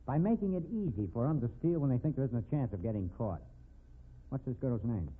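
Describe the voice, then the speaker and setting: In a 1950s radio drama, a man plays a crooked, bullying private investigator and sneering blackmailer, smug and scheming. His husky mid-range voice is animated and fairly quick, hectoring in slangy tough-guy talk, and the recording is tinny and band-limited like old radio.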